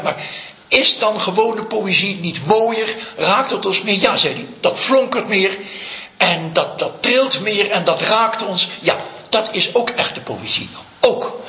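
A man, a Zen teacher, giving a slow, reflective dharma talk full of stories. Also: sits high, sharp tone. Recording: echoey room, dull lo-fi sound.

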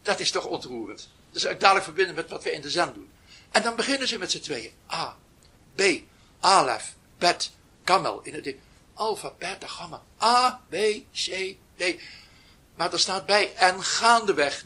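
A man giving a reflective spiritual talk, telling a story slowly with long pauses, often dropping to near whispers, then rising with emphasis. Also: high-pitched, animated, sharp tone, breathy edge. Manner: slow, pausing delivery. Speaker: spiritual teacher.

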